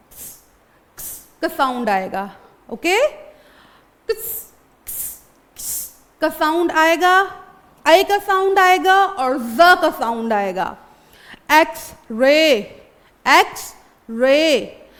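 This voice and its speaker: A woman's voice: very high voice, a bit bright, long reverb tail. A woman teaching a spoken English lesson, repeating each word and checking in with the class. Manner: slow, repeats words, checks in with "alright?".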